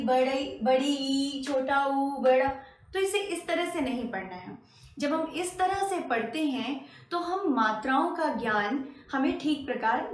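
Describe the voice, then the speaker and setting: A high-voiced woman teaches a lesson at an unhurried pace, sounding out each syllable with deliberate care. She repeats sounds patiently, as if coaching pupils to copy her. The recording has a noticeable roomy echo. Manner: drawn-out careful pronunciation drills, repeating sounds. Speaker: Hindi teacher. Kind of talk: slow spoken language lesson.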